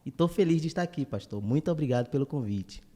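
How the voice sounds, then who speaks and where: A man, a guest preacher who speaks with warm, grateful greetings. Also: fairly high pitch, lively intonation, fast talker, big-room sound. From Salvador, Bahia, Brazil. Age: 20s. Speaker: guest preacher, church elder. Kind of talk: casual interview talk.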